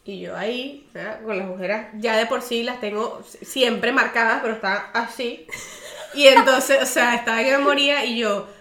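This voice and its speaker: A woman with a Venezuelan accent, co-hosting a podcast and telling a story in animated, slangy casual chat. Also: fairly high pitch, normal speed, reverberant. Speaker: podcast host.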